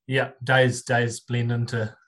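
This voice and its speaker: A man's voice: medium pitch, little pitch movement, slow, a bit bright. A man from New Zealand with a New Zealand accent, chatting casually as a guest on a podcast. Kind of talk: casual chat.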